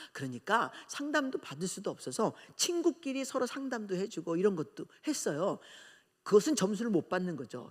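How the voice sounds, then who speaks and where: Animated woman pastor, reverberant church. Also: mid-range voice, breathy edge. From Korea. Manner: animated storytelling, acting out family quarrels. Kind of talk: revival sermon. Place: church sanctuary. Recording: long church hall reverb.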